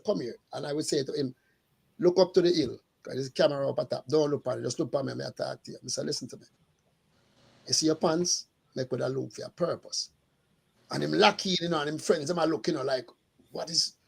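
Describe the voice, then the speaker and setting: A middle-aged man, his voice gravelly and husky, sitting a little high for a man. He tells stories with lots of animation and acts out every line of dialogue. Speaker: school custodian. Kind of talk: casual panel chat.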